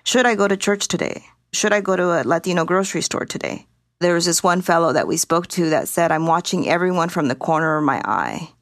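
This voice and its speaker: A woman reporter explaining in a measured, earnest way on a news podcast. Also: lowish voice, animated, dry recording, studio quality. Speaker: reporter guest.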